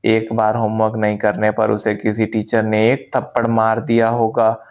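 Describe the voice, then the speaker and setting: A man calmly reading a spiritual memoir aloud as an audiobook narration, in a measured, unhurried way. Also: on the low side. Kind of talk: slow scripted audiobook narration.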